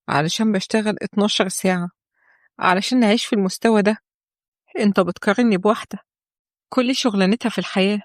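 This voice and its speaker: A weary young wife and doctor, as a woman narrator plays her in an Egyptian audio story, talking fast and pleading. The voice sits at a middle pitch, and the recording is dry and close. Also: dry recording, natural voice. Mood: hurt, upset. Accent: Egyptian Arabic.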